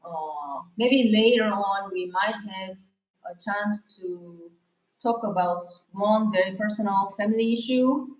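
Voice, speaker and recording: A woman's voice: mid-range voice, slow, roomy sound, rough recording. A woman whose first language is Korean, speaking in English during a casual couple Q&A and reading viewer comments earnestly. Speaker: co-host of couple channel.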